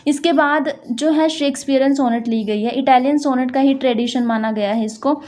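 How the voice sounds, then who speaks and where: Female literature teacher, high and soft-toned, slow read-alouds, frequent check-ins with the class. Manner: reads English text slowly, then explains in Hindi with frequent "theek hai". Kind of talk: classroom lecture.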